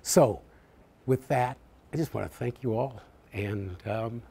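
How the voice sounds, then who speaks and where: Brief: man in his sixties, retiring professor giving a farewell lecture, gravelly voice, heartfelt and reflective. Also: medium pitch, dark tone. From US Midwest. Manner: reflective, heartfelt, halting with fillers. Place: lecture hall.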